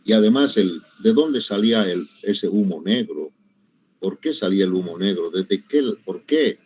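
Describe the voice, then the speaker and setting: A middle-aged engineering lecturer with a low, animated voice teaches at a moderate pace, telling personal anecdotes conversationally, adding little tag questions, and correcting himself mid-word. The recording is dull and lo-fi, with slight background noise.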